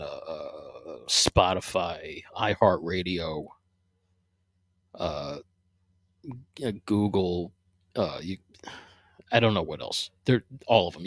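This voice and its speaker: Rambling low-voiced male podcast host. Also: dry recording, studio quality. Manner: rambling, many fillers and restarts. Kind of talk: casual solo podcast chat. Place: home living room.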